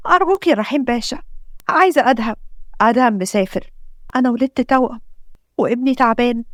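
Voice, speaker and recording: A woman's voice: fairly high pitch, fast, a bit bright, no echo, studio quality, natural voice. A woman with an Egyptian accent reading the lines of a desperate young mother pleading for her children. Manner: pleading, anguished.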